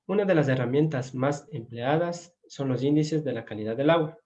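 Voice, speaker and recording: A man from Ecuador, a doctoral student giving a measured academic lecture over a video call, with frequent filler pauses. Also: mid-range voice, a little mellow. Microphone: computer mic on a video call. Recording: dull lo-fi video call audio.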